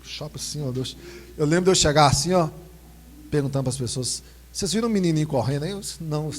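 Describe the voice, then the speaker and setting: A man preaching a sermon in a Brazilian accent, reading scripture slowly and then telling stories animatedly. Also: a little high. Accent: Brazilian Portuguese. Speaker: pastor. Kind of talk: expository sermon with personal anecdotes.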